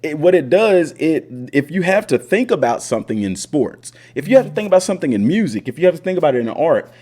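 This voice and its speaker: A man's voice: fairly high pitch, sing-song, fast talker, mellow. An American man chatting casually to viewers as a gaming video host, rambling informally and repeating phrases for emphasis. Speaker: YouTube host and gaming commentator; sports coach. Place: indoors in front of a green screen.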